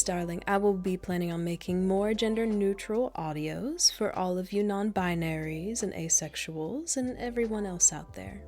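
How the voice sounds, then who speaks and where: A woman ASMR creator talking in a soft, proper and a little monotone whispered role-play manner, slightly nasal, cooing endearments. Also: mid-range voice. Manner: coos endearments like darling.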